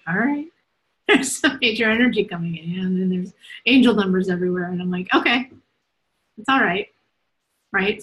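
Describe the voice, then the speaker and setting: A woman hosts a live spiritual question-and-answer reading over a video call, talking at a medium pitch. She speaks in a loose, chatty way and giggles easily. She often tags her points with "right?" or "okay?". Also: fairly bright tone, poor audio. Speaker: spiritual reader and host.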